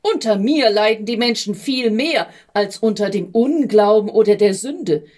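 A woman voicing Sickness, a pushy female figure in a storybook reading who talks fast and insistently. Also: mid-range voice, a little mellow, close to an everyday voice. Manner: rapid, insistent and self-pitying.

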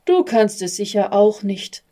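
A woman voicing a sad, resigned young boy who speaks quietly in a read-aloud story. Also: mid-range voice, very animated, unhurried. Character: sad crippled boy with serious eyes.

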